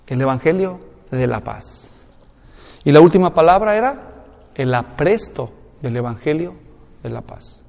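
Animated Mexican pastor preaching, high-pitched. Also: male voice, measured pace, creaky, pauses often, long reverb tail. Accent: Mexican Spanish. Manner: animated, acts out everyday examples with rising pitch. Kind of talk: expository sermon.

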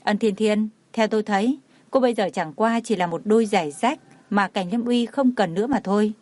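A woman's voice: medium pitch, a little fast, darkish tone, no room sound, natural voice. A woman reading the lines of a spiteful, mocking young rich woman in a story. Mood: taunting. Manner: taunting, scornful.

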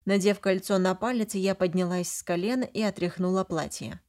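A woman's voice: on the low side, steady tone, moderate pace, darkish tone. A woman narrating a first-person fantasy audiobook, flustered and emotional in the heroine's lines.

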